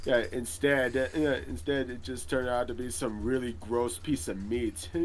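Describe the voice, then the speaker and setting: A man's voice: mid-range voice, steady tone, unhurried, slight background noise, lightly acted. A man playing a boastful middle-aged veteran magic hero in an improvised role-play podcast interview, rambling and hesitant, full of filler words. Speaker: interview guest.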